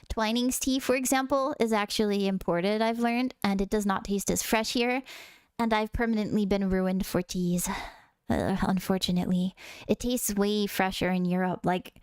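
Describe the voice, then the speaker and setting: A woman's voice: medium pitch, clean tone, no echo, clean studio sound. A woman streaming a game, chatting in a bubbly, casual way with frequent swearing. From United States. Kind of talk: casual gaming stream chat.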